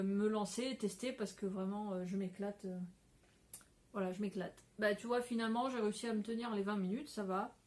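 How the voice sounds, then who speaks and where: A woman's voice: medium pitch, darkish tone. Woman host of a casual craft vlog; chatty, rambling delivery with frequent laughs, recorded on a phone at home. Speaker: craft podcaster. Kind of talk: casual chat to camera. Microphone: phone camera.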